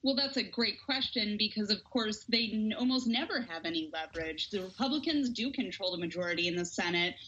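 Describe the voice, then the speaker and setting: A woman's voice: medium pitch, lively intonation, bright, forceful tone. Woman correspondent on a dull line. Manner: brisk, explanatory reporting. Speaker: congressional correspondent. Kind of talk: live news report.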